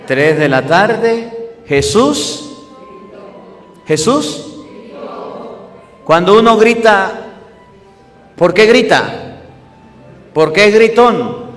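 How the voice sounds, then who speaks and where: A man's voice: sits high, fairly bright tone. A priest giving a sermon, asking his listeners questions and answering them himself. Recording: music and long hall reverb.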